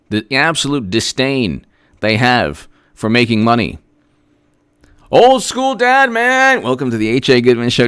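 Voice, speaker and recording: A man's voice: mid-range voice, fairly bright tone, clean tone, no echo, studio quality. A man hosting a political commentary livestream, sarcastic and emphatic as he rattles off statistics and thanks viewers for their messages. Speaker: host.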